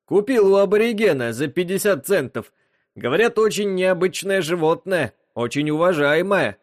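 A nervous young crewman speaks up in a higher, eager voice, as a male narrator puts him on. He sounds anxious to please. The recording is dry and close. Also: expressive, normal speed, no echo.

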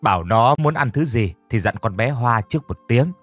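A man's voice: medium pitch, lively intonation, moderate pace, fairly bright tone, no echo, soft background music. A man voicing a blunt, weary old grandmother in an audio story, grumbling in a level voice.

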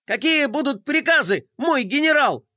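A man voicing a fussy, snide little male robot adjutant in a children's story, shrill and whiny. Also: animated, normal speed, sharp tone, dry recording, studio quality, full character voice. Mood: distraught.

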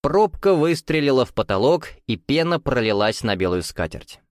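A man narrating an audiobook with expressive storytelling. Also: medium pitch, normal speed, no echo, clean studio sound. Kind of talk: scripted narration.

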